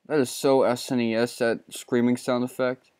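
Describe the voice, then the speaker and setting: Male let's player, 30s, casual and self-mocking, crisp and close, no room sound. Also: mid-range voice, level tone, normal speed, darkish tone, dry recording. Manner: laid-back, profane and self-mocking. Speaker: let's play host. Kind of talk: casual gameplay commentary.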